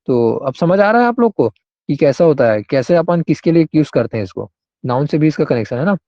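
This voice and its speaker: A man teaches an online grammar class, stopping to ask whether everyone follows and calling on students by name. His voice sits a little high but sounds mellow. The recording is dull and lo-fi, with a dry sound. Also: animated, brisk, no room sound. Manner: explains with repeated checks, questions students by name.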